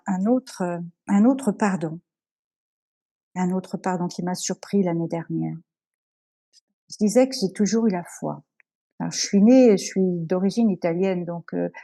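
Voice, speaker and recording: A woman with a lowish, mellow voice and some vocal fry delivers an earnest, emotional personal account as an interview guest. Her speech is halting, full of pauses and restarts.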